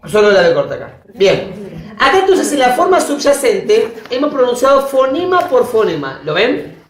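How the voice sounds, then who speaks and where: A woman giving a university lecture, often checking that her students follow with quick questions. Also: on the high side, sing-song. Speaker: linguistics lecturer. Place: classroom. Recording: roomy classroom audio from a distance.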